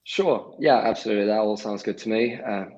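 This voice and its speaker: A man from Sweden, a guest on a livestream, explaining things in a measured way with frequent filler words. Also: on the low side, darkish tone, muffled recording. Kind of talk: livestream interview.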